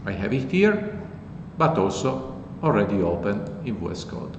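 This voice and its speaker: A low-pitched man talks through a software walkthrough in a relaxed, matter-of-fact way. The recording is echoey, with a long reverb tail and faint background noise. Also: normal speed, highs cut off. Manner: relaxed, plain explanatory talk. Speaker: host explaining code. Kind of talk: casual tech tutorial.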